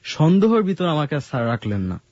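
A man telling his life story in a casual radio conversation, halting, with many fillers and restarts. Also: a little high, very animated, a little mellow, no room sound. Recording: dull lo-fi radio studio sound.

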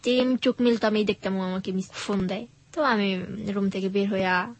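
A nineteen-year-old woman tells her story as a guest on an interview show. She speaks softly and hesitantly, at an average pitch for a woman. The sound is dry and close. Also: steady tone, brisk, no room sound. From Bangladesh.

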